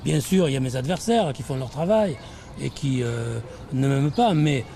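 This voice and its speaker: An older man, a mayor, answering interview questions outdoors, halting with many restarts. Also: medium pitch, animated, vocal fry, dark tone, slight background noise. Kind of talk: documentary interview while canvassing. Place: outdoors in a housing estate.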